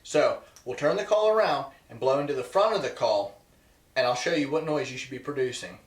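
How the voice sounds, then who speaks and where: A man's voice: medium pitch, expressive, fairly quick. A man presenting an instructional video to viewers, emphatic and repeating key points for stress. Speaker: presenter teaching goose calling. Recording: echoey, roomy sound.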